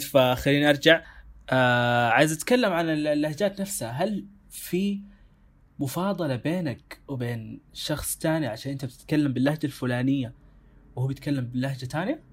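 Man, Sudanese accent, quick talker, reflective, thinking aloud, casual discussion co-host. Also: mid-range voice. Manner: reflective, thinks aloud and circles back to his point. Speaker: show co-host.

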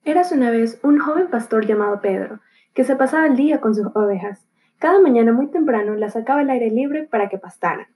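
A woman narrating a fable as a gentle, calm bedtime story. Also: a little high, brisk, low-quality recording.

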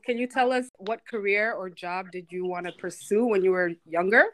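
A woman's voice: medium pitch, normal speed. Woman hosting an interview podcast. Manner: friendly, laughs often, many short acknowledgements. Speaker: podcast host.

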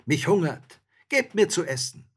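A man's voice: high-pitched, sing-song, a little slow, fairly bright tone, breathy edge, voice pushed up, heavily acted. A man voicing a bold, hungry, cheeky soldier in a storybook reading, talking in a boisterous, swaggering way.

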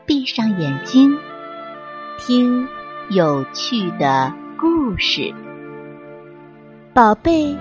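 A woman narrates a children's bedtime story in a soft, soothing, unhurried voice. Her pitch sits high and moves a lot. The recording is dry and slightly lo-fi.

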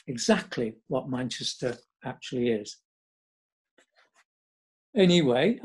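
Husky older man reminiscing. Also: mid-range voice, a little mellow. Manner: chatty, wry, reminiscing. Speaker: storyteller. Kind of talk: memoir storytelling.

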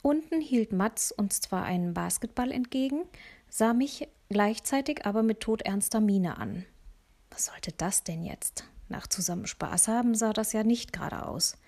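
A woman narrating a children's audiobook in the first person, lively, with soft breathy asides. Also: medium pitch, measured pace.

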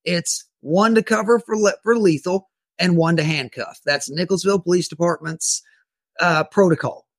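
A man with a high voice tells a podcast interviewer his self-defense story about a tense police encounter, retelling it with animation and voicing his own quoted lines. His speech is halting, full of restarts and repeated words, over a dry recording.

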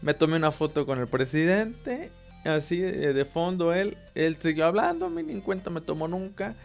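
A young man with a Mexican accent casually telling a personal story, slangy and animated. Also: a little high, moderate pace, vocal fry, faint music behind. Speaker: vlogger.

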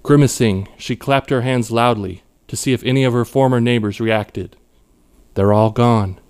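Male author-narrator, smooth, clear, measured reading. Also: medium pitch. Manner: measured, even storytelling. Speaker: author narrating his story. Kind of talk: scripted narration.

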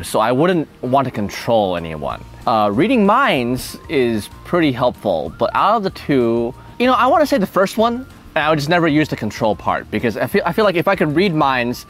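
A young man in casual chat, answering would-you-rather questions, playful and thinking aloud with frequent laughs. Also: medium pitch.

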